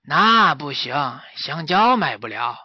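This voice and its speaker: A man's voice: fairly high pitch, big pitch swings, takes it slowly, pushed and bright, husky, no room sound, exaggerated voice. A man voicing an impatient, bearded old martial arts master in a children's story, lecturing in an exasperated tone. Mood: explaining. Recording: slightly muffled dry recording.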